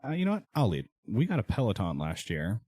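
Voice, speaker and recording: A man's voice: fairly low pitch, wildly swooping pitch, fast, warm tone, husky. A man co-hosting a podcast in casual, joking chat. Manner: joking, playful. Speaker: podcast co-host.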